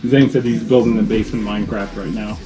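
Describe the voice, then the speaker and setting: A man's voice: lowish voice, fairly quick, rough recording. Man talking to camera in his kitchen. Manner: chatty, relaxed, laughs at himself. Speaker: vlogger. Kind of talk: casual talk to camera. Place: home kitchen, indoors. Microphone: camera on a counter, close. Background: background music.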